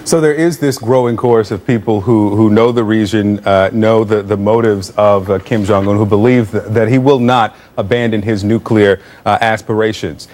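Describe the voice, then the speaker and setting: Low-voiced man interviewing, halting and careful. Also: steady tone, darkish tone. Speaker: news interviewer. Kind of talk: live news interview.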